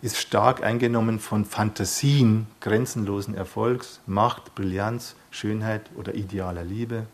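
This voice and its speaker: A man's voice: fairly low pitch, steady tone, measured pace, few pauses. A man, a psychotherapist, explaining in a thoughtful way, rephrasing as he goes and adding little tag questions. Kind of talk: calm explanatory talk.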